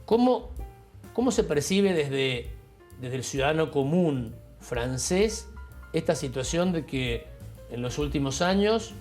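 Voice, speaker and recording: A man hosting an interview, speaking deliberately as he searches for his words. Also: a little high, animated, a little mellow, faint music behind. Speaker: journalist and interview host. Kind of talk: interview on a talk show.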